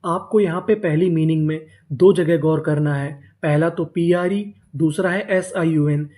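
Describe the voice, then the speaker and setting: A man teaching a class, asking a question and then answering it himself, and repeating each word slowly several times. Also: fairly high pitch, dark tone. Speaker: English teacher. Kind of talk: classroom-style spoken lesson.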